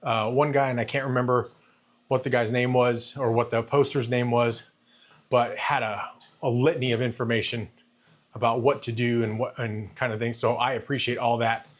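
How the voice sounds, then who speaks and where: A man in his fifties giving a casual, halting vlog monologue, thinking aloud and repeating phrases while walking on a treadmill. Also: medium pitch, level tone. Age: 50s. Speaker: fitness vlogger.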